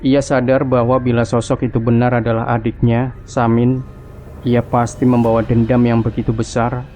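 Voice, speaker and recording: A man narrating a scripted horror story in a hushed, creeping, suspenseful manner. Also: medium pitch, little pitch movement, moderate pace, faint music behind.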